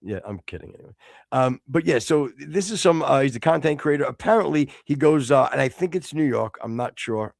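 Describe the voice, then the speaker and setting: A man from the United States co-hosting a casual podcast, rambling with many restarts and sudden excited outbursts. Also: mid-range voice, brisk, creaky, no room sound, clean studio sound. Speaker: podcast co-host.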